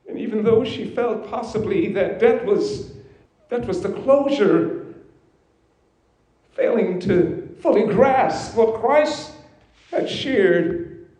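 A man preaching a sermon, slow and emphatic, with dramatic pauses. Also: extremely high pitch, darkish tone. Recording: very echoey hall.

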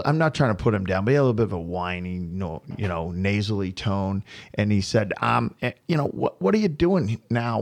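A man in his fifties hosting a podcast, telling work stories from his flooring business in a blunt, animated way. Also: fairly low pitch, vocal fry. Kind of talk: casual storytelling podcast.

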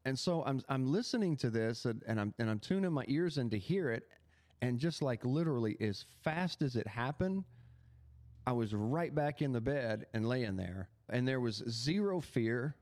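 A man hosting a podcast, telling a personal spiritual experience in an animated, halting way with many restarts. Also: medium pitch, no echo, clean studio sound. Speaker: podcast host.

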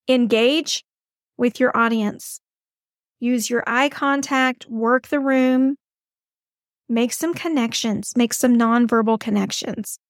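A woman's voice: fairly high pitch, steady tone, takes it slowly, no room sound, clean studio sound. A woman podcast host who works as a school counselor, giving upbeat, encouraging advice in a chatty coaching tone. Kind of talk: casual coaching monologue.

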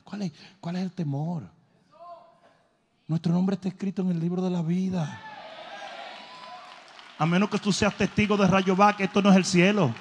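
A man's voice: high voice, steady tone, moderate pace, pauses often, in a large hall, a little hiss or hum. A male pastor preaching a sermon with comic storytelling and emphatic delivery.

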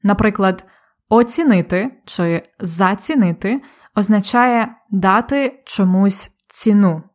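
A woman teaching a language lesson, speaking deliberately and clearly and repeating each example word. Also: medium pitch, darkish tone.

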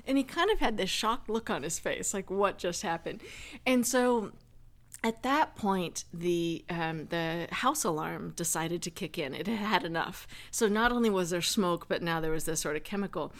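A woman's voice: lowish voice, normal speed. Woman, 30s, casual storyteller, wry, conversational, with plenty of asides. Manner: chatty, wry, with asides and fillers. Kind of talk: personal anecdote told casually.

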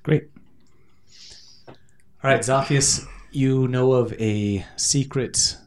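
A man's voice: mid-range voice, steady tone, slow pace, slight background noise. A middle-aged man running a family tabletop game as game master, patiently guiding and explaining the rules to his kids.

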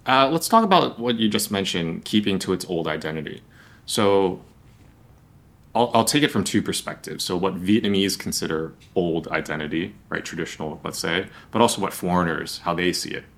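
A young man hosts a podcast interview, asking long, rambling, conversational questions. His deep voice is animated and fairly bright in tone, at a moderate pace.

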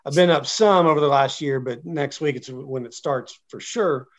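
A man's voice: mid-range voice, moderate pace, highs cut off. A man, a guest chatting casually and rambling a little with many fillers. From Oklahoma. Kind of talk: casual interview chat.

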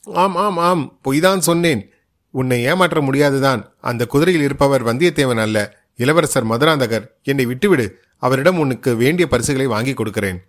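A man's voice: medium pitch, moderate pace, natural voice. A man voicing a frightened male captive who pleads and whines to be let go. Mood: pleading. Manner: pleading, whining.

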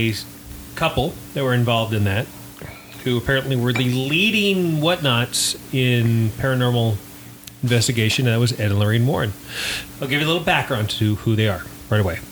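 A man hosts a loose, casual podcast with friends, talking in a chatty, joking way. His voice is bright and forward, with a faint hiss of background noise under it. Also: medium pitch, rough recording. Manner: joking, chatty, laughs between points. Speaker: podcast host. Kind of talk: casual group podcast chat.

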